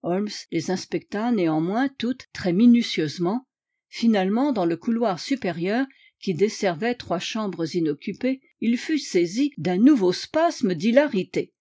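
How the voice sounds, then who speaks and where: A woman narrating a literary audiobook in a measured, even storytelling manner. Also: medium pitch.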